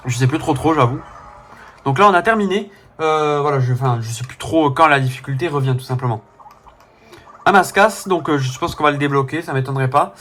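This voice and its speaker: A man's voice: on the high side, fairly bright tone. Rambling young man with a faint southern French accent. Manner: rambling, lots of fillers and self-corrections. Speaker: let's player. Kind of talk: casual gameplay commentary.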